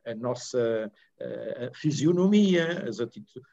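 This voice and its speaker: Male panel guest from Portugal. Thoughtful and halting, mid-range voice, muffled lo-fi recording. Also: mid-range voice, animated, gravelly, mellow. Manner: thoughtful, halting, many restarts. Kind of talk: panel discussion. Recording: dull lo-fi recording.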